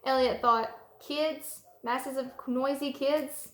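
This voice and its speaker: A preschool teacher's high, slightly bright voice stays fairly even as she reads slowly to young children. Between pages she chats with them in simple terms. She's indoors at home in an echoey room, with background noise clearly present.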